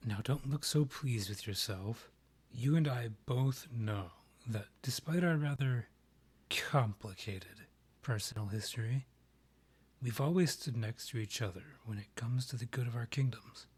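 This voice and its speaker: A man with a mid-range voice plays a proud, courtly vampire monarch in a scripted ASMR roleplay. Husky and breathy, he speaks formally in measured, theatrical phrases, his mood one of earnest admiration.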